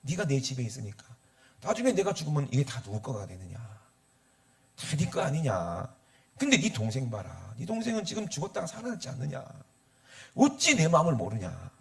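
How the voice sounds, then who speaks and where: A man acting out a loving old father who speaks gruffly but tenderly. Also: medium pitch, wildly swooping pitch, moderate pace.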